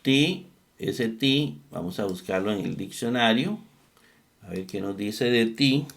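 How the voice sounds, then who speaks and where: A man's voice: fairly low pitch, moderate pace, vocal fry. A man teaching a methodical lesson on Greek verb forms, repeating each term and thinking aloud as he looks things up. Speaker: Bible exegesis teacher. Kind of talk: slow screen-share lesson on Greek grammar.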